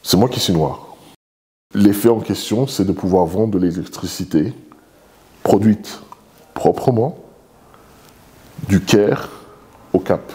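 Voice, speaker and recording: Deep and dark, the voice of the host's father, a forties-aged man from Congo, moves slowly with long pauses. He answers the relaxed interview thoughtfully, hesitating a lot and repeating his words.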